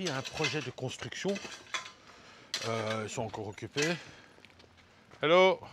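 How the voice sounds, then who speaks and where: A man's voice: mid-range voice, slight background noise. A man vlogging casually while walking outdoors, hot and short of breath, joking and talking straight to his viewers. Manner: chatty, jokey, addresses viewers directly. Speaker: travel vlogger. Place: outdoor ridge path.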